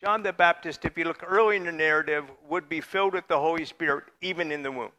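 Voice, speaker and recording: A man's voice: on the high side, fast talker, bright, forceful tone. A man preaching a conversational sermon in church, sometimes joking with the congregation. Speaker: pastor.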